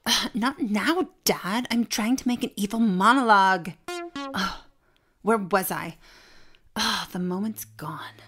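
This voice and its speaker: A woman playing a grandiose female dark lord in a children's audio drama, delivering a theatrical, booming villain monologue. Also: unhurried, in a large hall, natural voice. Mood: irritated, sulky.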